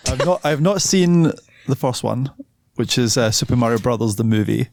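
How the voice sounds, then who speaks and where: A man's voice: mid-range voice, expressive, normal speed, gravelly, a little mellow, no echo. A man, co-hosting a podcast, talking casually and hesitantly about a film he is reviewing. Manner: hesitant, self-deprecating, loses his thread. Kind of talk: casual chat.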